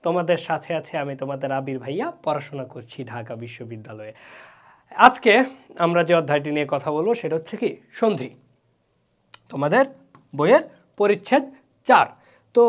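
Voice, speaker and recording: A young man in his twenties from Bangladesh teaching an online school class, explaining step by step and answering his own questions as he goes. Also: high-pitched. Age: young adult.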